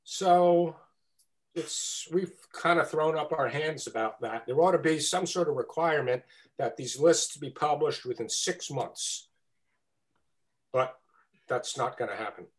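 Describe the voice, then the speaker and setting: Man, guest speaker, video call, slightly raised pitch, halting with ums and restarts. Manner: hesitant, with fillers and restarts. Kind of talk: answering questions on a video call.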